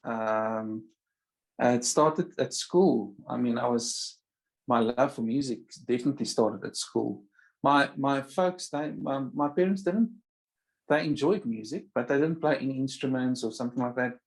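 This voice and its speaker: A man's voice: medium pitch, normal speed, rough recording. A man with an Afrikaans South African accent, chatting casually as a guest on a video call, often searching for his words. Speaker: interview guest, musician. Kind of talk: casual chat.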